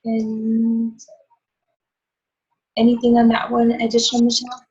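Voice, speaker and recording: A woman's voice: fairly high pitch, completely flat delivery, a little slow, darkish tone. Hesitant woman coach on a dull video call. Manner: hesitant, apologetic, laughs. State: losing her voice. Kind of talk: casual webinar presentation.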